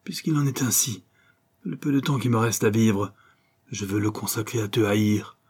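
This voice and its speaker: A man's voice: lowish voice, moderate pace, darkish tone, slightly rough. A man voicing an old, embittered ex-convict vagabond who speaks with bitter, vehement accusation. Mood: bitter accusing.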